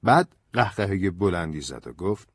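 Man, audiobook narrator, very low voice, calm measured reading, dry studio sound. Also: slightly rough, no echo.

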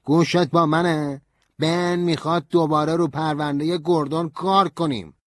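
A man's voice: on the high side, steady tone, fairly bright tone, no echo, studio quality, close to an everyday voice. A man playing a brash, joking buddy. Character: cheerful, crude, energetic young man. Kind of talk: audiobook character reading.

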